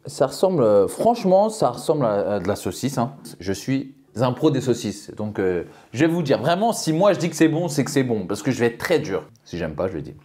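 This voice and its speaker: A man's voice: mid-range voice, big pitch swings, brisk, hardly any pauses, mellow, faint music behind. A young man casually talking through a food-tasting vlog, joking and speaking directly to his viewers. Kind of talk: casual vlog with sponsor read.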